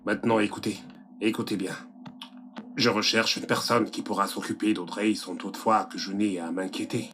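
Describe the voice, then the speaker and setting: A man's voice: lowish voice, moderate pace. A man dubbing a composed father in a French-language film, courteously interviewing a nanny and firmly setting his conditions. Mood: calm. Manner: calm and courteous, firm when setting rules.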